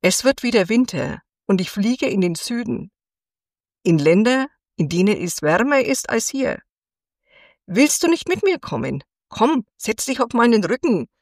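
A woman's voice: medium pitch, big pitch swings, unhurried, no echo, studio quality, recorded from a distance, voice pushed up. A woman reading aloud voices a kind female swallow in a children's fairy tale, coaxing and caring. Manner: warm and coaxing.

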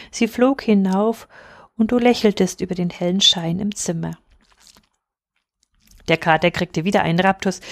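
A woman reading a fairy tale aloud in a calm, measured storytelling manner. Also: medium pitch, creaky, no room sound, clean studio sound.

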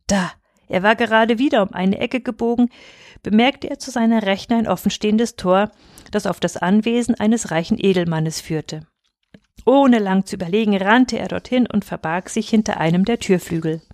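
A woman's voice: mid-range voice, darkish tone, no room sound. Woman narrating a folk tale, dry. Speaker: reader.

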